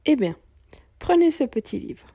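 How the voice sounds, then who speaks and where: A woman's voice: sits high, sing-song, normal speed, gravelly, no room sound, studio quality, voice pushed up, exaggerated voice. A woman playing a kindly old cobbler. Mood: earnest. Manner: warm, coaxing and fatherly.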